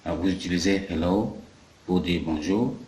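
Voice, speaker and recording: A man from Africa teaches English in a patient, repetitive way. His voice sits low. The room echoes, with a faint hiss behind him. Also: normal speed, a little mellow. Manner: patient, repeats key phrases. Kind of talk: bilingual language lesson.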